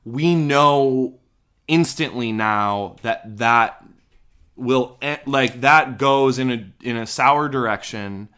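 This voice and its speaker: A man co-hosting a podcast in loose, casual chat. His voice sits at an ordinary middle pitch. He rambles a little and restarts his thoughts as he goes. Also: takes it slowly, bright, forceful tone, smooth. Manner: rambling, restarts and fillers, playful. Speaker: podcast co-host. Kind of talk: casual chat about a movie trailer.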